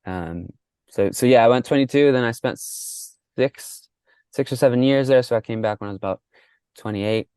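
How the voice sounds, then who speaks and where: A man in his thirties with an American accent, a coach talking as a podcast guest in relaxed conversation, often repeating words as he thinks aloud. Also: mid-range voice, normal speed, clean tone, no echo, clean studio sound. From Mexico, raised in the United States. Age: 30s. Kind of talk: casual podcast interview.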